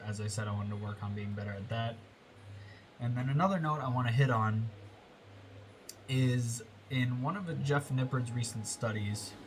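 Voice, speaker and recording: A young American man talks through a casual voiceover with a clogged, stuffy nose. He rambles and restarts his sentences, keeping to an everyday middle pitch. A faint hiss sits under the recording. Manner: rambling, with self-corrections and filler words. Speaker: fitness vlogger. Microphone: close voiceover mic.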